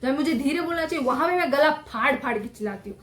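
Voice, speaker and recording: A young woman vlogger telling a story about herself in a lively, animated, self-mocking way, casual and chatty. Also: high-pitched, quick pace. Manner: says her voice is normally loud. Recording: echoey room with faint ambience.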